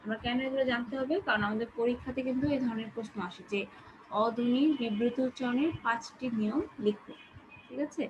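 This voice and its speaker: A woman teacher with a Bangladeshi Bengali accent giving an online class, explaining step by step and keeping her students answering questions. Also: fairly high pitch. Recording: dull lo-fi call audio with background noise.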